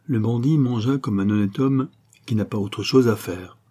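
A man's voice: mid-range voice, moderate pace, warm tone, breathy edge. A man reading a classic novel aloud as an audiobook narrator, lifting his voice for the dialogue.

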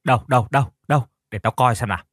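A man's voice: medium pitch, racing, husky, dry recording, studio quality, close to an everyday voice. A man voicing a domineering wealthy older woman who barks orders and stammers in panic. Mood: brusque.

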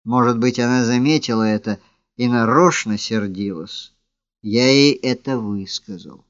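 Slow, measured male audiobook narrator. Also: mid-range voice, dry recording, lo-fi sound. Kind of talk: first-person literary narration.

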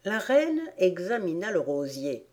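A woman reading a children's storybook aloud in a slow, measured narration. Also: lowish voice, sing-song, a little mellow. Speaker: audiobook reader.

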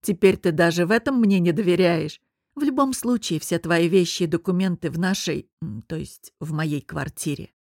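A woman's voice: moderate pace, a little mellow, no room sound, clean studio sound. A woman reading an audiobook voices a stubborn young husband who growls his words through his teeth. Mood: teasing. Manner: low growling insistence.

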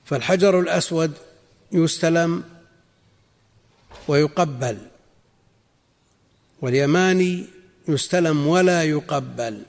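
Gravelly scholar teaching in a reverberant hall. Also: male voice, a little high, a little mellow. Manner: measured, explanatory, repeats phrases for emphasis. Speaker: Islamic scholar teaching a text. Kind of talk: religious lesson explaining a text.

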